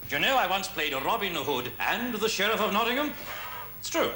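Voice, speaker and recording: Boozy middle-aged ham with a plummy, swooping drawl and bright tone; roomy studio, faint music. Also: male voice, high voice, big pitch swings, brisk, a little hiss or hum, exaggerated voice. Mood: boastful. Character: boozy veteran male radio actor, pompous and mocking. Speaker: stage actor in a radio company.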